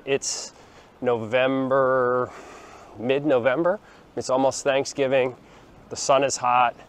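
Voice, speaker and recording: Holding his phone at arm's length with a small clip-on mic, a vlogger in his forties strolls a sunny beachfront plaza and beach, giving a casual walking tour to camera full of ums and restarts. His voice sits at a middle pitch. Faint outdoor ambience, slight background noise, and the occasional passing car come through behind him.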